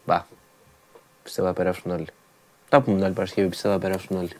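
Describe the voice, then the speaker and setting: A man's voice: low-pitched, flat delivery. A man co-hosting a sports radio show, chatting casually and teasing his partner. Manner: laid-back, teasing, laughs often.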